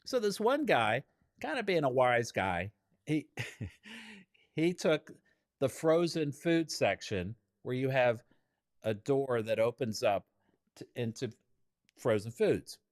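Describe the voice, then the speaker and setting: Lively, animated male creativity trainer. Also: medium pitch, takes it slowly, long pauses, no echo, clean studio sound. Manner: animated storyteller who chuckles and acts out what others said. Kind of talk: keynote-style teaching with anecdotes.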